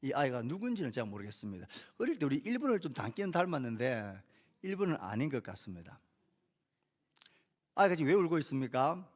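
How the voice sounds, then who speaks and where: A male pastor preaching a sermon in a measured way, lifting key phrases and letting sentences fall softly, with rhetorical questions to the congregation. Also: mid-range voice, big pitch swings.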